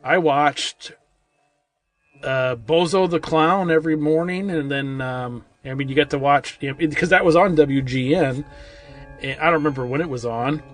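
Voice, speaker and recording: A man's voice: a little high, moderate pace, faint music behind. A man co-hosting a casual movie-review podcast, rambling and loose, with lots of "like" and "I mean". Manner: rambling, full of "like" and "I mean", restarts a lot. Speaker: podcast co-host.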